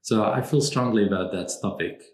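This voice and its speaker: A man born in Morocco, a strategy consultant guesting on a podcast, speaks in a low, darkish voice in an echoey room. It's a conversational interview, and he's measured and thoughtful, pausing often with "uh."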